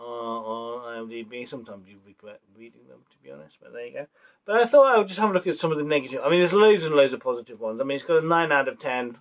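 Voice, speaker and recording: A young man casually reviewing a show on his vlog, rambling with fillers and restarts. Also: mid-range voice. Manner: rambling, many fillers and restarts, laughs at his own jokes. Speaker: vlogger reviewing a TV series.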